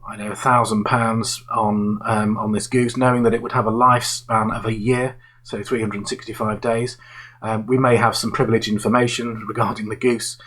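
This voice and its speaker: A man who manages investments, walking listeners through an example in a halting style with many fillers and restarts. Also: fairly low pitch, little pitch movement, a bit bright, rough recording. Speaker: investment manager presenting to clients. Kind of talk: explanatory investment talk.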